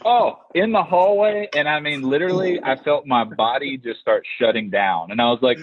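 A man's voice: medium pitch, moderate pace. A man hosting a podcast, telling stories in a casual chat and animatedly acting out the voices of the people he quotes, with frequent restarts. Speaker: podcast host. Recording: tinny phone-like, dry sound.

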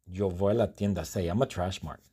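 A man's voice: low-pitched, normal speed, dark tone, breathy edge, voice pushed down. Man playing a bumbling, indignant storybook guy. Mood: playful. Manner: first-person storytelling, exaggerated indignation.

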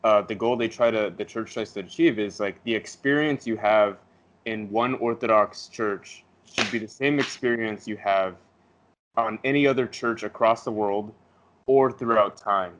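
A man's voice: on the low side, normal speed, a bit bright, slight background noise, low-quality recording. A man chatting casually and explaining his ideas in a reflective way. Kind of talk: casual conversation.

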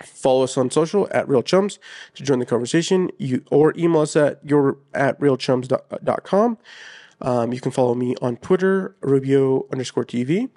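A man's voice: medium pitch, moderate pace, warm tone. A man co-hosting a casual movie podcast. He talks in an earnest, rambling way with plenty of "like" and "you know". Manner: earnest, rambling, lots of fillers. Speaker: podcast co-host. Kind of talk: casual chat.

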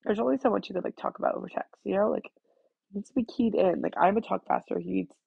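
A teenage girl with a nasal voice, rambling fast through a casual solo vlog, full of "like". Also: mid-range voice, vocal fry, breathy edge, dry recording, phone-quality sound. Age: teens. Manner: fast-talking, scattered, full of "like". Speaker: student vlogger.

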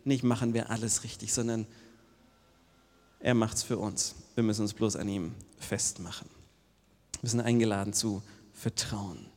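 A male pastor preaching a sermon in a casual storytelling way, jumping between loud bursts and hushed whispers. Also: on the low side, fairly even intonation, moderate pace, long pauses. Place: church hall. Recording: long hall reverb.

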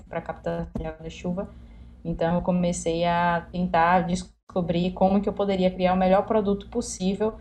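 A woman's voice: lowish voice, dark tone, slight background noise. A woman, earnestly telling her story as an interview guest. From Salvador, Bahia, Brazil. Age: 20s. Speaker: guest, young scientist. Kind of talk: interview answer.

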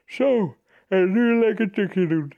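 A man's voice: high-pitched, measured pace, narrow, tinny audio, voice pushed up. Man doing a sly hungry wolf. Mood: lazy, then groaning. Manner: smooth, falsely friendly.

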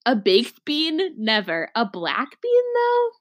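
A woman's voice: medium pitch, expressive, normal speed. A young woman co-hosting a casual podcast chat, leading the topic list, with a lot of hesitant "um" and "like" fillers. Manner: hesitant, lots of "um" and "like".

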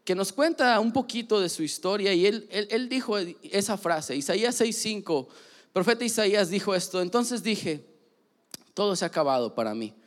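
A young man giving a casual, joking sermon full of animated sports stories. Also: sits high, normal speed. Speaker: preacher. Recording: long reverb of a large hall.

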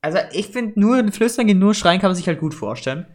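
A man's voice: high-pitched, animated, fast. A young man chatting candidly and casually with a friend. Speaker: co-host. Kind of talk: casual chat.

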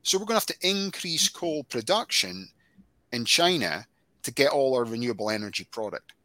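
A man co-hosting a casual chat, making his points emphatically as he builds them up in quick lists. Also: medium pitch, very animated, bright, forceful tone, dry recording. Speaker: podcast co-host.

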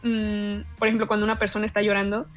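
A woman, a guest expert explaining emotions in calm conversation, measured and pausing to repeat her words. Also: medium pitch, faint music behind.

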